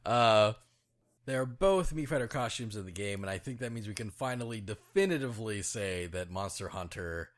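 A man co-hosts a casual podcast in a lowish voice at normal speed. He rambles, uses lots of fillers and restarts, and laughs easily.

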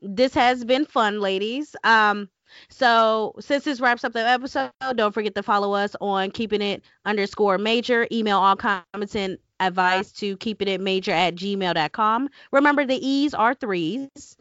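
A woman hosting a podcast in casual banter, with a squeaky, chipmunk-like voice and a feisty, sweary manner. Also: moderate pace, a bit bright, dry recording, highs cut off. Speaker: podcast host.

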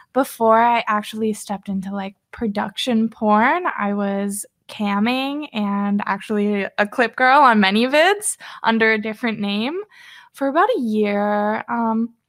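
A young woman from Pennsylvania, a podcast guest chatting casually, giggly and saying "like" often. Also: on the high side. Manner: giggly, says "like" a lot. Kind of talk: casual chat.

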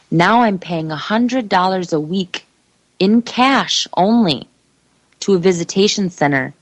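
Low gravelly woman, urgent testimony. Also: no room sound, poor audio. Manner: urgent, emphatic, addresses listeners directly. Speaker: mother telling her story. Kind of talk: personal testimony monologue.

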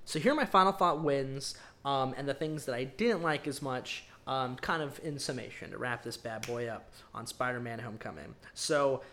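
A man's voice: medium pitch, moderate pace, few pauses, sharp tone, slight background noise. A man co-hosting a podcast, giving a casual, rambling movie review full of ums and emphatic verdicts. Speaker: podcast co-host.

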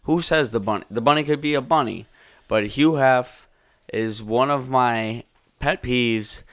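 A young man chatting casually as a co-host, his voice smooth and clear. He rambles a little and stretches his asides out. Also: mid-range voice, a little slow, no room sound, clean studio sound. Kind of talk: casual chat.

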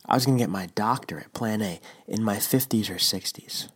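Whispering man, low and husky. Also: fairly quick, a bit bright. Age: 30s. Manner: conversational, checks in with listener. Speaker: devotional podcast host. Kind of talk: casual reading of a blog post. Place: at home, partner asleep next room.

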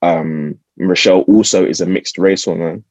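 A man's voice: deep voice, fairly even intonation, normal speed, darkish tone, dry recording. A man with a London roadman accent talking casually in a group discussion, slangy and punctuating his points with tag questions. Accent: London, roadman-style urban slang.

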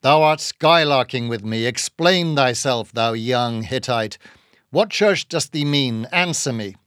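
A man's voice: a little high, slow, no room sound, clean studio sound. Man doing a stern, hollow-voiced old pious captain. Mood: stern, suspicious. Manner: archaic thee-and-thou speech, sternly questioning. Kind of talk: dramatised audiobook reading.

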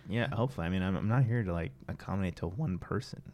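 A man's voice: sits low, rapid-fire, a little mellow, pitched below the performer's own voice. A man in improv comedy playing a dazed male ticket taker with a bandaged head who mumbles and halts. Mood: unsure. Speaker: improv performer.

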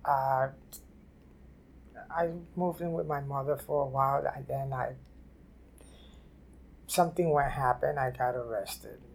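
An older woman from New City, telling her life story haltingly in an oral history interview. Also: rumbling low, steady tone, gravelly, a little hiss or hum. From New York City. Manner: halting, repeats and restarts phrases. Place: library office.

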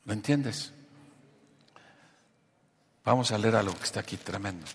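A man's voice: lowish voice, a little slow. A man with a Mexican accent preaching a sermon and telling a testimony, shifting from storytelling into emphatic preaching. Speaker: pastor. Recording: long hall reverb.

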